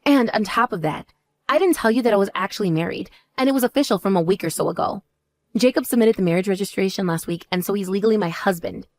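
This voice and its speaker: A woman voicing a calm older sister who speaks in a measured, patronizing way in a voiced story. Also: medium pitch, no room sound, voice pushed down, close to an everyday voice. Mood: firm. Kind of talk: voiced text story dialogue.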